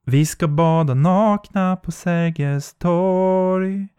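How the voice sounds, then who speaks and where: A man putting on an eerie, drawn-out ghostly singing voice. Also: sits high, darkish tone, smooth, dry recording, clean studio sound, pitched above the performer's own voice, natural voice.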